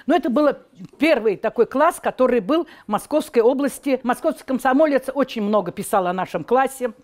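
Female interviewee, sixties, slightly high voice, reminiscing indoors. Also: animated, a little fast, darkish tone. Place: indoor room.

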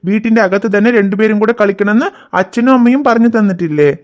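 A performer voicing a patient cartoon father who calmly reassures his children and explains things to them. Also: mid-range voice, fast, highs cut off, close to an everyday voice. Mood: gentle. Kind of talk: cartoon voice acting.

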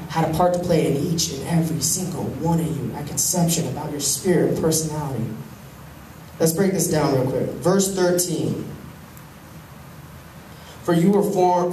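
A young man preaching a sermon on a handheld mic, animated, swinging from loud to hushed. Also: on the high side. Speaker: pastor. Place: large church hall with stage. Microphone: handheld mic, filmed from the pews. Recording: echoey hall, far camera, faint hum.

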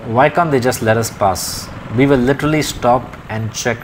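Young man, motovlogger, helmet mic, easygoing, mid pitch, clear road noise behind. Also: moderate pace. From India. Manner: easygoing, plain-spoken. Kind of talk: casual travel vlog narration. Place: on a motorbike on a road.

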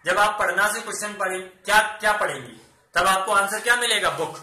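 A man with a high, very bright voice teaches a grammar lesson and walks through each step by asking and answering his own questions. The room around him is echoey. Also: fairly quick. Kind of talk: Hindi-English classroom lesson.

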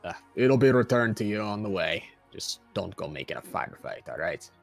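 A man voicing a stern, gruff male dwarven mining captain in a tabletop role-play. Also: on the low side, sing-song, a little fast, faint music behind, exaggerated voice. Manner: curt, gruff, says "aye".

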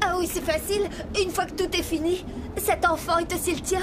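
A woman's voice: very high-pitched, steady tone, brisk, background noise. An actress playing a bitter, wounded young woman in a French-dubbed TV drama, accusing and sarcastic. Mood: bitter, defensive. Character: bitter, wounded young woman confronting her unfaithful boyfriend.

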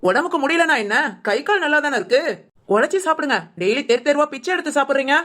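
A woman's voice: high-pitched, expressive, fast, fairly bright tone, voice pushed down. A woman voicing a rude, defiant teenage boy who answers with cold, mocking retorts in a Tamil short story. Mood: scornful.

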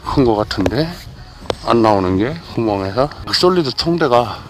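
A middle-aged man hosting a fishing channel, talking to himself with excited exclamations as he fishes outdoors at night by a muddy waterway. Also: medium pitch, moderate pace, over music. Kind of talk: fishing vlog commentary.

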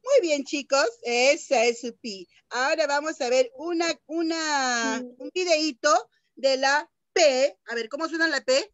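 A woman teaching young children an online lesson, sounding out syllables in a slow sing-song way, heard through a computer mic on a video call. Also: high-pitched, fairly bright tone, no echo, highs cut off.

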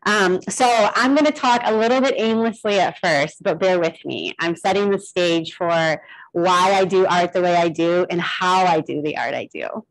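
A woman's voice: lowish voice, moderate pace, poor audio. Chatty woman giving a rambling gallery talk. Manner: chatty and rambling, with many fillers. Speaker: guest artist giving a talk. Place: gallery event in front of an audience.

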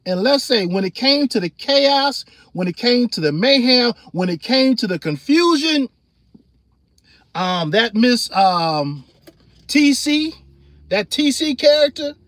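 A middle-aged man, talking loosely to his livestream audience with a high voice. He gets loud and animated and laughs often. The sound is dry and close. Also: no room sound. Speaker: livestream host. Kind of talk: casual livestream chat.

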